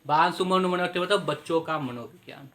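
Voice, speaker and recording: A man's voice: on the high side, fairly quick, fairly bright tone. A male teacher giving a class lecture, posing questions to his students and answering them himself, repeating points to drive them home. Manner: repetitive, explanatory teaching tone.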